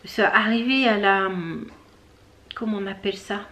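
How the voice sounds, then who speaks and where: A woman hosting a knitting video podcast from home, chatting casually with many fillers, pausing to search for words and things. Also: medium pitch, steady tone, sharp tone. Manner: chatty, talks straight to viewers. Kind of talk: casual show-and-tell chat.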